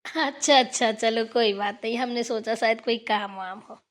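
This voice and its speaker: A woman voicing a scolding middle-aged village mother-in-law in a cartoon, sharp and nagging. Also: fairly high pitch, steady tone, moderate pace, lightly acted. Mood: defensive, chatty. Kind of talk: cartoon voice acting.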